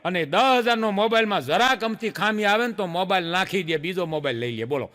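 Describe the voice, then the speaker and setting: Man, stand-up comedian, folksy playful storytelling, high voice, reverberant hall. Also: lively intonation, fairly quick, fairly bright tone. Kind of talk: stand-up joke telling. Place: stage in a hall with a live audience.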